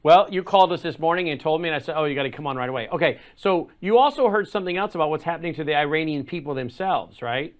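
A man hosts an interview in a somewhat high voice. He keeps his turns short, agreeing and prompting the guest with questions. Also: quick pace, few pauses. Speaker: show host.

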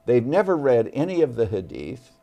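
A man appearing as a studio guest, speaking earnestly and deliberately about faith. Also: mid-range voice, big pitch swings, lo-fi sound. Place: television studio.

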